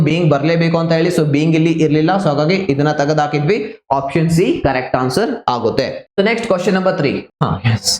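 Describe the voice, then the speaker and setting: A man's voice: a little high, echoey room. A man teaching an online exam-prep class, explaining grammar step by step and switching between Kannada and English, with a Kannada accent.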